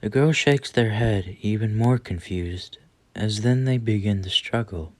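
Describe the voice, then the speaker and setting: Slow, low-voiced man narrating horror. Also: dry recording. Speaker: storyteller. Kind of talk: scripted horror story narration.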